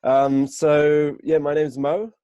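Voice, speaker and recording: Man from Israel, counselor on a video call: dark voice, dry sound, loose and hesitant delivery. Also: a little high, level tone, takes it slowly, no echo, muffled recording. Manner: rambling, with many fillers and restarts. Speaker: counselor and psychotherapist. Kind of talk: casual self-introduction on a video call. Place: home, early morning.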